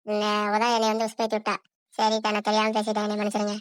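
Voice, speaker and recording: A woman voicing a young, sharp-tongued daughter-in-law in a cartoon, with impatient, snappy retorts. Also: mid-range voice, monotone, very fast, dry recording, lightly acted. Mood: apologetic. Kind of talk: cartoon voice acting.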